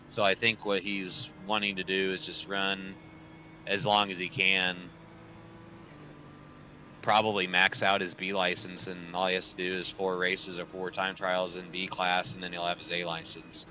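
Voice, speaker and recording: A man in his thirties with a low, deep voice talks casually to his stream viewers from his home racing rig. His tone is bright and forward, and he rambles through the story with plenty of fillers and dry sarcasm. A faint hum sits behind him. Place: home sim racing setup.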